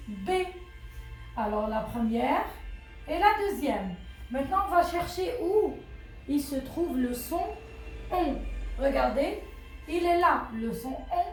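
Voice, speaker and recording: Slow, high-voiced woman teacher, echoey. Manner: patient, repeats and asks questions. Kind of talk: phonics lesson for children. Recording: very echoey room with faint music.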